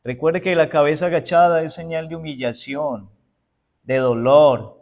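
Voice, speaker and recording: A man's voice: on the high side, steady tone, moderate pace, darkish tone. A man preaching a sermon as pastor with a Uruguayan Spanish accent. He preaches emphatically, often asks his congregation rhetorical questions and answers them himself, and keeps calling them brothers and sisters. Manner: addresses listeners as brothers and sisters.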